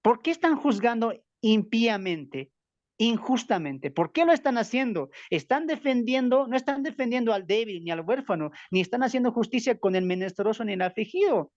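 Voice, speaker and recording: Leading a Bible study, a Bolivian man with an extremely high, expressive voice talks at a moderate pace in a Bolivian Spanish accent. Emphatically, he keeps posing rhetorical questions and then answering them. There's no echo, though the audio sounds muffled.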